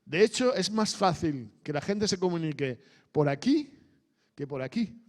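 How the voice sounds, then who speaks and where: A man's voice: on the high side, unhurried. A middle-aged man giving a conversational sermon, often checking in with the audience. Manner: animated, asks the audience frequent questions. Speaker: preacher. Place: church hall.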